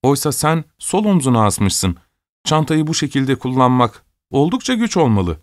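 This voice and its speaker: A man voicing an earnest, gentle young man who questions the boys and scolds them. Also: medium pitch, very animated, normal speed, no room sound, studio quality, voice pushed up, close to an everyday voice.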